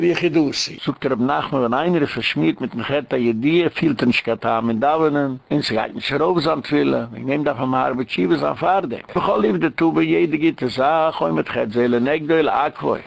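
A man's voice: mid-range voice, creaky. A man giving a religious lecture as a rabbi, in a sing-song preaching cadence.

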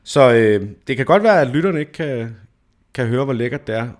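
A man's voice: mid-range voice, animated. A man co-hosting a podcast from his living room, chatting casually with dry, teasing replies. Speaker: podcast co-host. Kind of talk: casual chat.

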